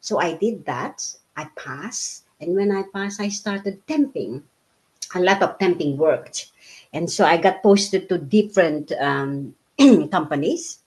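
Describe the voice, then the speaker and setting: Slow and animated, with a fairly low, darkish voice, a Filipina woman in her fifties relates her life story in a casual interview. Tagalog is her native language, and her chatty delivery is peppered with fillers and restarts.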